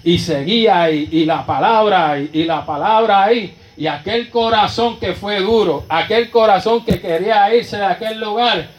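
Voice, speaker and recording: A man's voice: high voice, normal speed, hardly any pauses, echoey room, low-quality recording. A man with a Puerto Rican Spanish accent preaching a sermon testimony in a church, fervent and constantly breaking into praise. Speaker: pastor.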